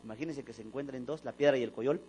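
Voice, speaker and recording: A fast-talking pastor with a mid-range voice preaches in a church sanctuary, bringing his stories to life by acting out the dialogue. The recording is rough, with a slight hiss or hum.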